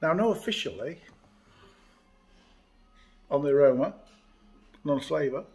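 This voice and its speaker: A man's voice: fairly high pitch, unhurried. A man, hosting a casual beer review and chatting easily with many fillers, recorded close on a phone or webcam indoors by a window. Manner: chatty, relaxed, frequent uh fillers. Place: indoors by a window in a hotel room.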